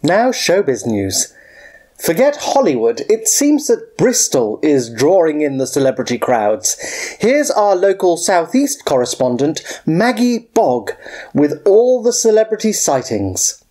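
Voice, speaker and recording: Someone doing a lady parody news anchor, mock serious, very lively pitch, soft tone. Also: measured pace, full character voice. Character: woman local TV news anchor in a spoof bulletin. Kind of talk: mock local news bulletin presenting.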